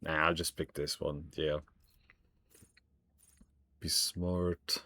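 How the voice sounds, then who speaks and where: A man's voice: a bass voice, flat delivery, very slow, sharp tone. A man giving casual let's play commentary on a video game, stammering and repeating himself as he thinks aloud. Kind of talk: casual playthrough commentary with text read aloud.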